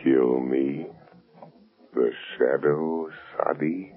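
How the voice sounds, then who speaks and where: An actor playing a menacing, mocking invisible avenger in 1930s radio drama style, gravelly and theatrical. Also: male voice, a bass voice, steady tone, extremely slow, full character voice. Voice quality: gravelly, sinister. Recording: muffled old 1930s radio recording.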